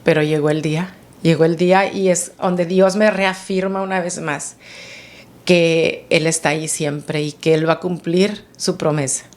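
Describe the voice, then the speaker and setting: A middle-aged woman telling a personal faith testimony in an earnest, halting way, often repeating herself. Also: sits low, fairly even intonation, darkish tone. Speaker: guest, mother of the host.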